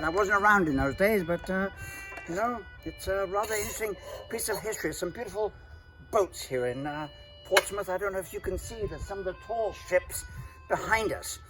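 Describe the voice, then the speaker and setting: A man hosting a home cocktail show, chatting in an effusive, genteel, rambling way with frequent fillers. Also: high voice. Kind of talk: casual cocktail-making chat.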